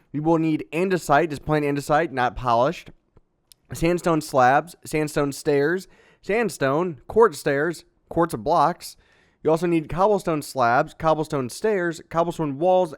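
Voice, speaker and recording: A man casually narrating a step-by-step building tutorial in a relaxed, chatty way, with fillers and little sound effects. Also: on the high side. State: has the hiccups. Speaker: Minecraft building tutorial host.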